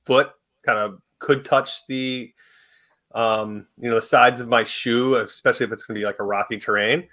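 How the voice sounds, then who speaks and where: A man co-hosting a podcast, talking in a relaxed, hesitant way with many fillers. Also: mid-range voice, normal speed. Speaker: podcast co-host. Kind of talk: casual chat.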